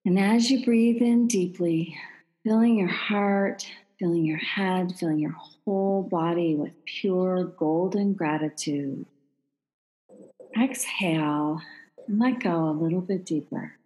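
A woman podcast host leading a guided breathing meditation in a calm, soothing, meditative tone. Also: on the low side, slow, in a large hall, rough recording.

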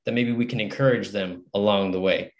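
Male interview guest, slightly low pitch, conversational, earnest and motivational. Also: steady tone, fairly quick. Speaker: podcast guest, author and publisher. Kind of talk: casual interview chat.

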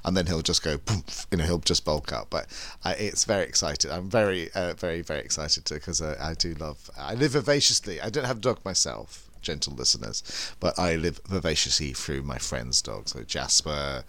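A man's voice: extremely low pitch, animated, moderate pace, a bit bright, dry recording. A man hosting a podcast in casual chat, with a camp manner full of affectionate endearments. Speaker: podcast host.

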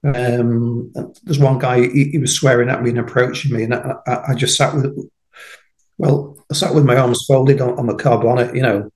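A man's voice: medium pitch, steady tone, darkish tone, poor audio. A man in his sixties, a podcast guest chatting casually and often restarting his sentences. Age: 60s. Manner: halting, many repeated starts. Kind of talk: casual conversation.

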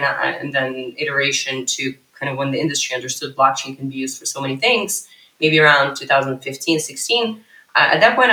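A startup CEO in her thirties, guesting on a casual podcast, talks animatedly in long winding sentences full of fillers and restarts. Her very deep voice is bright and sharp, ringing in a noticeably echoey room.

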